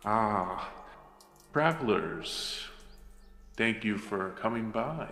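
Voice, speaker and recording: A man voicing a tall, condescending male sun god who speaks slowly and grandly, with reverb added. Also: lowish voice, animated, sharp tone, full character voice. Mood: lofty. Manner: slow, grand and lofty. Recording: long echoing reverb.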